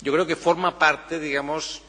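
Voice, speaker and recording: A man's voice: on the high side, steady tone, measured pace, a bit bright. A political science professor answering an audience question at a conference. He thinks aloud and keeps tagging his phrases with a questioning "no?", often restarting a sentence midway. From Catalonia, Spain. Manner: thoughtful, tags phrases with "¿no?", frequent restarts. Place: conference hall. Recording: reverberant conference hall.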